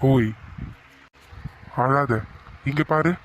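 A man voicing a playful young husband in an animated cartoon, teasing and coaxing his wife. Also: medium pitch, drawn-out words, background noise.

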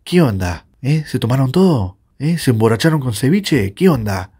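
A Uruguayan man with a Rioplatense accent, reacting live to a football match with excitable, swearing rants. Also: medium pitch, moderate pace, slightly rough. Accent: Rioplatense Spanish. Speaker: football fan reacting on his channel.

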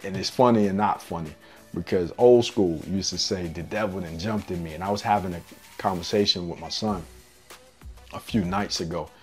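A man's voice: low-pitched, moderate pace, darkish tone, faint music behind. A man giving a casual, earnest devotional sermon in a conversational, slangy way.

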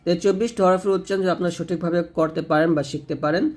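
A man's voice: sits high, fairly even intonation. A man teaching pronunciation step by step, stretching out each sound as he demonstrates it. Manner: slow drawn-out demonstration of sounds.

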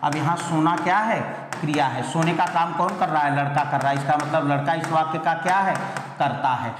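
A man's voice: on the high side, a little hiss or hum. Echoey male teacher drilling grammar. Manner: drills students with repeated questions, calls them "beta"; slows right down to spell out example sentences. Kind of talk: online exam-prep grammar lesson. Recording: very echoey room with long reverb.

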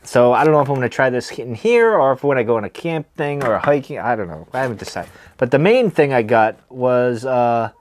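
A man's voice: mid-range voice, animated, brisk. A man in his thirties chatting casually to the camera as he reviews tobacco, laid-back and hesitant, trailing off between puffs on a cigar. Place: small wood-paneled room, indoors.

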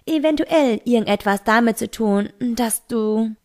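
A woman's voice: on the high side, a little slow, darkish tone, lightly acted. A woman voicing a teenage boy who insistently questions a close friend, in an amateur audiobook reading. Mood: pointed.

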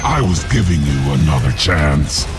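An actor playing a menacing mutated brother turned monster in a video game, booming a slow, taunting villain monologue. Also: male voice, very animated, exaggerated voice. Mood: bitter taunting. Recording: game music and effects behind.

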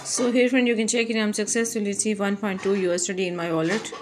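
Female channel host, tutorial voice-over, steady mid pitch, calls viewers friend. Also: fast, a little hiss or hum. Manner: repetitive, addresses viewers as friend, non-native English phrasing. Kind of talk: screen-recorded tutorial walkthrough. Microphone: voice-over on phone screen recording.

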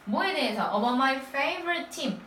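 A woman teaching middle school English in a recorded lecture. She asks quick questions and answers them herself, going through the material step by step. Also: sits high, lively intonation, fairly bright tone, recorded from a distance, a little hiss or hum. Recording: echoey room, voice off-mic.

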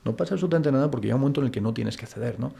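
Racing along in a mid-range, gravelly, warm voice, a Spanish guest with a Madrid accent chats casually in an interview. He's blunt and colloquial, with plenty of "tío" and "macho."

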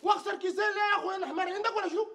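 A grumpy tenant, played by a man, in a sitcom. He shouts indignantly in a very high voice and fires his words off rapidly. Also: heavily acted. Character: grumpy male tenant defending his garbage.

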